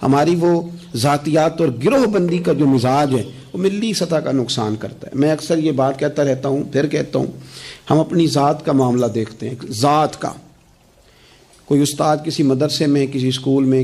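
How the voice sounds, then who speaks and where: A man's voice: darkish tone, husky. A man preaching a sermon. He talks with passion and repeats phrases for emphasis. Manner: impassioned, repeats phrases for emphasis, voice swells high on key points.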